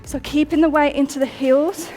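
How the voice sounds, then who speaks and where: A woman's voice: sits high, fairly even intonation, moderate pace, darkish tone. Young woman fitness instructor counting down reps, bit breathless, music underneath. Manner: upbeat coaching, counts down reps. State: out of breath at times. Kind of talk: workout instruction over music.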